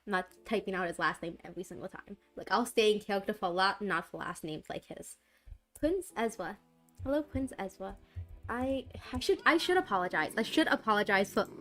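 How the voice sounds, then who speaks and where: With a mid-range, slightly bright voice, a young woman rambles and giggles through a casual stream from her gaming setup at home. She speaks into a desk mic and tends to repeat herself.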